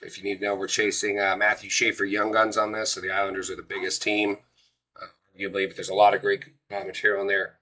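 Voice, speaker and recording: A man's voice: fairly low pitch, little pitch movement, fast, bright, forceful tone. A man hosting a live card break, giving casual auction sales patter to viewers.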